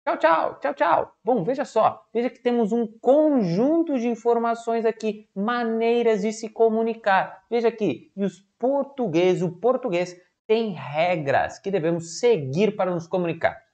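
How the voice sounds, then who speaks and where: A woman teaching children programming, lively, with lots of questions and little acted-out dialogues. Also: on the high side, measured pace, few pauses, lo-fi sound. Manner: animated, asks questions and acts out little dialogues.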